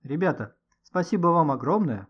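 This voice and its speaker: A man voicing a composed adult male neighbor in a storybook reading, with steady, reassuring speech. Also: a little high, normal speed, slightly rough. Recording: dull lo-fi recording.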